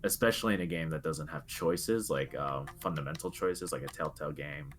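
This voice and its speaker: With a very deep, slightly bright voice and a brisk pace, a young adult podcast co-host chats casually and earnestly about video games, reflecting as he goes. A little hiss or hum runs under the recording.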